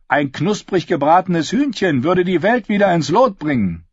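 A wry, mocking knight, played by a male narrator, tossing off sardonic quips in a lively, somewhat raised voice. The grain is husky. It is an audiobook character with a dull, dry sound. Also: high-pitched, moderate pace, no echo, pitched above the performer's own voice, heavily acted.

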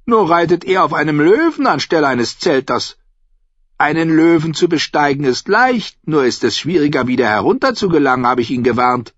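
A man's voice: a little high, big pitch swings, moderate pace, a bit bright, dry recording, pitched above the performer's own voice. Man playing a tart, mocking old noblewoman. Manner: cutting, scornful, chatty. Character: sharp-tongued old noblewoman, blunt and mocking. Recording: dull, dry audiobook recording.

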